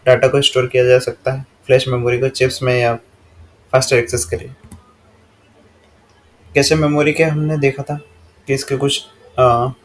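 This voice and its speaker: Reading slowly from slides, an Indian man teaches in a flat, level voice of middle pitch that barely rises or falls. After each English line he explains it at an unhurried classroom pace, with a slight background noise present.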